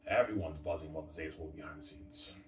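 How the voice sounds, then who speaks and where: A man in his thirties, a vlogger, rambles casually at his viewers, calling them "guys" and circling back to the same phrases again and again. His bass voice comes very fast and from far off the mic, in an echoey room with background noise.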